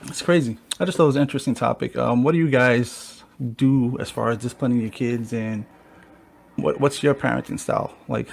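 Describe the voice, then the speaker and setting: A man's voice: medium pitch, vocal fry, a little mellow. A man hosting a podcast, talking casually, swearing freely and speaking straight to his viewers. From United States. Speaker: podcast host. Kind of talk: casual chat.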